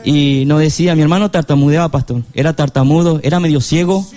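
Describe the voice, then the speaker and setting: A man, giving an emotional personal testimony in a halting, stumbling way. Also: fairly high pitch, warm tone, soft background music. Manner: halting, stumbling over words.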